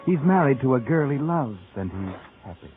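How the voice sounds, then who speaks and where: A man's voice: medium pitch, sing-song, moderate pace, narrow, tinny audio. A man playing an ominous, all-knowing night-walking storyteller, narrating theatrically in 1940s radio mystery style. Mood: grave, knowing. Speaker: narrator and host of a mystery series. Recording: old thin radio recording, loud music.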